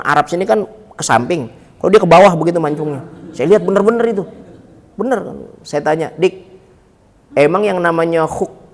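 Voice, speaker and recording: High-voiced preacher in an echoing hall. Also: male voice. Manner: animated storytelling with humor. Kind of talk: sermon. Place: mosque hall. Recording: long reverb of a hall.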